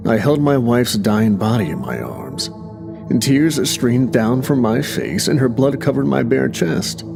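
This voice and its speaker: A man's voice: medium pitch, lively intonation, measured pace, creaky. A man narrating a first-person horror story in a tense, dramatic way. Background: music.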